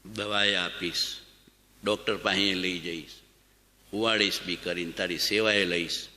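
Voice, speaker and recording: A lowish, bright-toned man preaches a devotional sermon. He repeats words in a chanting rhythm and swings from emphatic high lines down to soft, low ones. His voice rings with a long hall reverb. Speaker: spiritual discourse speaker.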